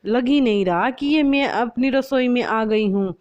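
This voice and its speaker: A woman's voice: a little high, unhurried, a little mellow, lo-fi sound, pitched above the performer's own voice, lightly acted. A woman voicing a patient older mother-in-law who talks mildly and sounds puzzled.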